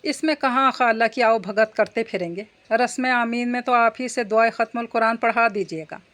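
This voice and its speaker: A woman's voice: a little high, moderate pace, a bit bright, lightly acted. A woman reading the part of a reasonable, soothing elder daughter-in-law who is a young mother.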